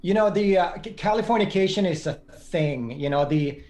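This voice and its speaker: A man's voice: high-pitched, moderate pace, darkish tone. Swedish-born man in his forties, thoughtful. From Sweden. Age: 40s. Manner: thoughtful, with many restarts. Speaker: podcast guest. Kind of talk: casual conversation.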